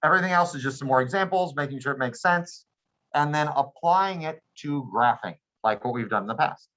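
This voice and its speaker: A man's voice: mid-range voice, lively intonation, brisk, fairly bright tone. Male teacher, classroom lecture, patient and step by step, slightly dull lo-fi sound. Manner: checks in with students often, patient and plain. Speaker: math teacher.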